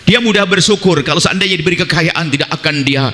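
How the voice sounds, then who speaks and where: A man preaching a sermon, swinging between high emphatic lines and low mocking impressions of other people's prayers. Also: fast, pushed and bright, big-room sound.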